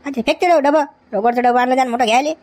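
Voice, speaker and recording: A woman's voice: sits high, close to an everyday voice. A woman playing a flustered, scolding village uncle. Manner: scolding, excitable, rapid. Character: flustered middle-aged village uncle, the girl's father.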